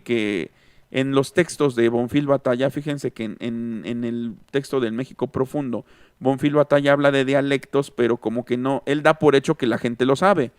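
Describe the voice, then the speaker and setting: A man's voice: mid-range voice, clear, resonant tone, no room sound, clean studio sound. A man with a Mexican accent teaching an online linguistics class, thinking aloud and answering students' comments as he goes. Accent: Mexican Spanish. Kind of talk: online lecture. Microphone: close mic, online class.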